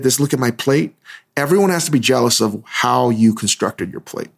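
Male podcast host, hungover, gravelly fry in a mid-pitched voice, rambling casually and musing as he goes.

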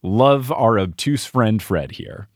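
A man's voice: lowish voice, expressive, takes it slowly, no echo, studio quality. A man hosting a podcast, recapping a cartoon episode in a wry, chatty way. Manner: chatty, wry storyteller, keeps score. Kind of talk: casual chat.

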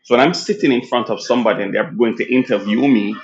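A man with a Jamaican accent, born in Nigeria, talking as a guest physician in a casual interview, animated and laughing often, restarting phrases as he goes. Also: medium pitch, fast talker, muffled recording. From born in Nigeria, raised in Jamaica.

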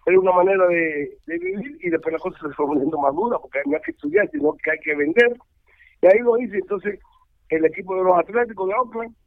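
An older man, once a ballplayer and now a baseball analyst, spins rambling, animated stories full of restarts. His voice sits high and swoops about with a gravelly edge. It comes through a thin, tinny phone line with no room around it. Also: quick pace, no echo. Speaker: baseball analyst, former player. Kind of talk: casual interview over the phone.

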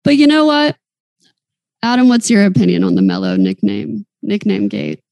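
In her twenties, this podcast co-host keeps things chatty and giggly while spinning lively stories. She speaks at a moderate pace in a creaky, mid-range voice, recorded dry.

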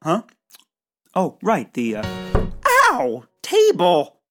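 A man's voice: mid-range voice, animated, a little slow, music in the background, lightly acted. A man playing a nervous, clumsy bird-watcher in a comedic audio drama, flustered and stammering.

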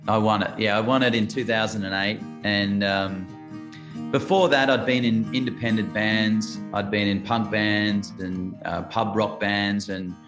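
A man's voice: fairly low pitch, fairly even intonation, unhurried, over music. An Australian musician in his late thirties, talking reflectively in a rambling interview with many restarts. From Adelaide, South Australia. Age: late 30s. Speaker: musician guest. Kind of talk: casual interview chat.

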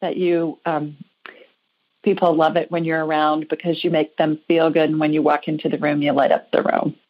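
In dull lo-fi audio, a psychic call-in reader with an American accent hosts her show, offering chatty, reassuring, informal readings to callers. She has a low voice with little pitch movement and speaks at a normal speed.

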